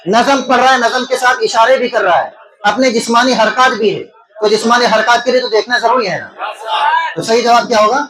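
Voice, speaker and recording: A man with a strikingly high voice leads an exam-prep lesson in a classroom full of students. He talks loudly over the room and keeps asking the class whether they follow. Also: a crowd in the background, low-quality recording. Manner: checks in with the class, often asking "right?". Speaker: teacher.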